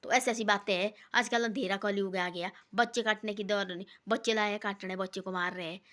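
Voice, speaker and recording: A woman's voice: medium pitch, fairly even intonation, fairly quick, fairly bright tone. A woman telling casual moral stories in a rambling, repetitive way, dropping her voice to quote people. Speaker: storyteller giving moral talks. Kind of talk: casual moralizing folk storytelling.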